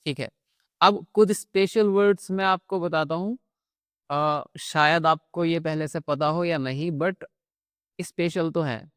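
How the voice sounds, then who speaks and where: A man teaching phonics in a patient classroom manner, pausing often to check in before he moves on. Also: fairly high pitch, fairly bright tone, clean tone, dry recording, studio quality. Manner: patient, repeats "theek hai" between points. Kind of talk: classroom-style phonics lesson.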